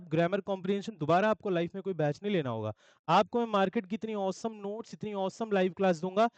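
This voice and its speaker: A young man from India, an English teacher with an Indian accent, promoting his course batches in an energetic sales pitch, often checking in with listeners. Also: dry recording, poor audio. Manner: mixes Hindi with English phrases. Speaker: English teacher for exam aspirants.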